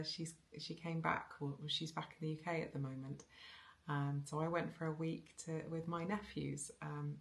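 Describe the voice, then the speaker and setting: With a deep, creaky voice, a woman originally from South Wales talks about knitting on her podcast in a generic Home Counties English accent. Her chat is casual and rambling, full of fillers and restarts.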